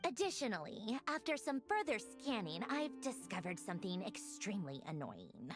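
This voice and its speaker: A woman's voice: medium pitch, wildly swooping pitch, moderate pace, music in the background. A woman voicing an irritable, brilliant scientist in a video game, curt and sarcastic when annoyed. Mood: musing. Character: irritable brilliant female scientist, impatient and sharp. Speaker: game character.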